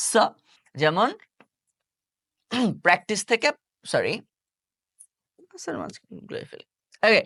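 A middle-aged man leads an online English lesson. His pitch swings widely as he walks through each point and checks in with the viewer. The sound is dry and close, with no room around it. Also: fairly bright tone, dry recording. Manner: explains step by step, asking the viewer rhetorical check questions. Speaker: English teacher.

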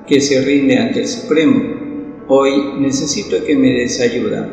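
A man reciting a devotional prayer in a solemn, pleading, measured way. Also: medium pitch, vocal fry. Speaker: prayer reader. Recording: very echoey reverberant room, soft guitar behind.

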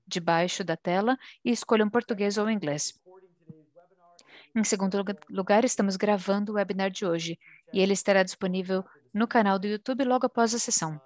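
A woman with a Brazilian accent interpreting a formal speech live, phrase by phrase with pauses. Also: medium pitch, no echo. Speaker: simultaneous interpreter.

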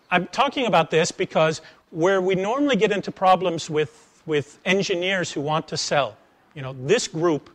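Recorded on a lapel mic in a wooden-floored attic seminar room, a middle-aged man from the United States delivers a casual public lecture. This ex-engineer turned sales trainer has a somewhat higher voice than most men. He acts out lively anecdotes and frequently stops to ask rhetorical questions.

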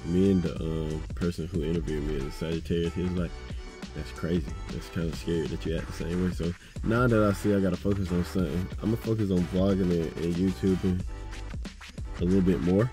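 A man's voice: sits low, fairly even intonation, fairly quick, music in the background. A young man in his twenties vlogging casually to a phone held at arm's length in his car, talking in a laid-back, slangy, rambling way. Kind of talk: casual vlog talk to camera. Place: inside a car.

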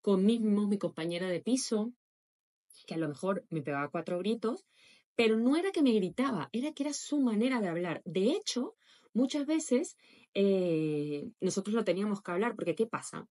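A young woman from Latin America speaks in a mid-range voice, relaxed and conversational. She vlogs to her followers in a chatty, expressive way and briefly acts out the voices of the people she quotes. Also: mid-range voice, normal speed. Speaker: vlogger. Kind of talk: casual vlog monologue.

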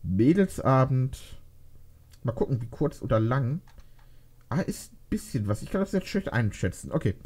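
A man's voice: mid-range voice, big pitch swings, moderate pace, a little mellow. A man casually reading fan fiction aloud over gameplay, often stumbling and correcting himself.

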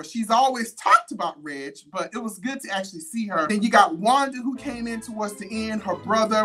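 Sassy bright-voiced woman dishing gossip. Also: medium pitch. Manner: sassy, animated, colloquial with frequent asides. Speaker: podcast host. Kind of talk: gossip commentary.

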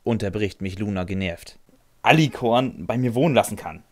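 A man's voice: lowish voice, normal speed, a little mellow, dry recording. A man narrating a first-person fan audio drama in a dry, sardonic way, answering with hesitant "äh"s.

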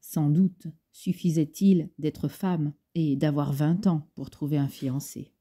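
Low, husky woman reading a novel. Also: steady tone, takes it slowly, warm tone. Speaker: audiobook reader. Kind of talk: scripted narration.

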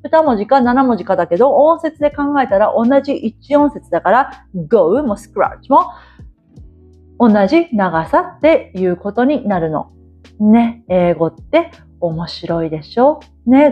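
A woman's voice: fairly high pitch, lively intonation, moderate pace, highs cut off, faint music behind. A woman teaching as an English coach in a casual lecture, coaxing her listeners and sounding out words as she drills them.

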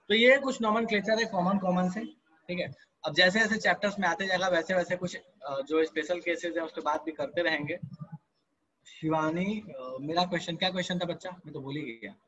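A chemistry teacher with a bright, high male voice leads a live online class, coaxing his students and addressing them by name. He keeps saying "ठीक है" and "ध्यान दो," asks and answers his own questions, and mixes English terms into Hindi. The recording sounds husky and muffled.

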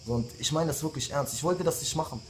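Speaking quickly in a voice on the high side, a man in his late twenties raps out an angry diss video for his rivals. He rants heatedly, throwing insult after insult in repeated jabs, over slight background noise.

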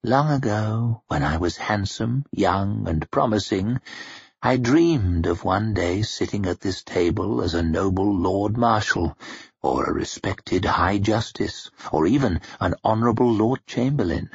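Brief: sardonic crippled old man, as a male reader puts him on, speaking low and quiet with relish. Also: animated, a little slow, gravelly, breathy edge, no room sound, highs cut off, exaggerated voice. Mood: wry. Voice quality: wry, self-mocking.

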